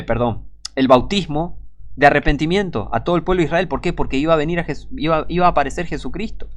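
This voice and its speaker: A man's voice: a little high, fairly bright tone. A man with a Rioplatense Spanish accent preaching a Bible study, emphatic, repeating warnings and asking rhetorical questions. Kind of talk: Bible teaching sermon.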